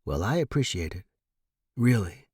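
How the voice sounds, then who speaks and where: A man voicing a shy young man, gentle and reassuring, in a storybook reading. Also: lowish voice, very animated, normal speed, breathy edge, no room sound, clean studio sound, full character voice. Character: shy, easygoing young man lost underground.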